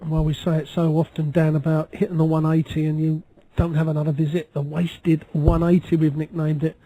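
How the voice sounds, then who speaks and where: Higher-voiced male darts analyst. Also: completely flat delivery, a little fast, dark tone, poor audio. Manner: conversational, explanatory. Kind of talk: live sports commentary.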